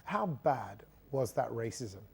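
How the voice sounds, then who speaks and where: Male TV interviewer, mellow tone, friendly and enthusiastic with his questions. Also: medium pitch, big pitch swings, takes it slowly, vocal fry, breathy edge.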